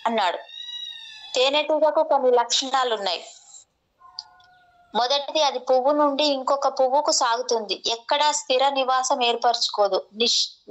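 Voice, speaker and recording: A woman reading a translated spiritual discourse as steady scripted narration, with an occasional restart. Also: on the high side, a little hiss or hum, low-quality recording.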